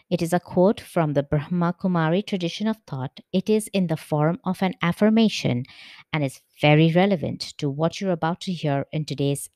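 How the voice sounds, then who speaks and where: A woman with a lowish voice hosts a reflective podcast, introducing her guest in a careful, measured way. She slows her pace to stress key phrases. Her voice sits dry and close to the mic. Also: creaky, warm tone, dry recording. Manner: measured, deliberate delivery with slowed emphasis. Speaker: podcast host. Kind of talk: scripted podcast introduction and interview. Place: currently in India.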